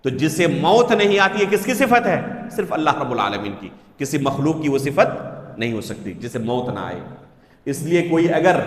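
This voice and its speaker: Lively high-voiced male Islamic lecturer. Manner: asks questions and answers them himself; recites Arabic slowly, then explains. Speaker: Islamic scholar teaching a book. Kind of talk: Urdu religious lecture. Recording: echoey hall.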